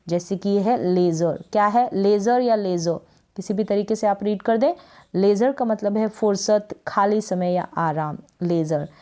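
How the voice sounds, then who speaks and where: A woman's voice: medium pitch, mellow. Patient woman teaching English phonics. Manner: patient, repeats words and quizzes the viewer. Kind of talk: explaining phonics slowly in Hindi.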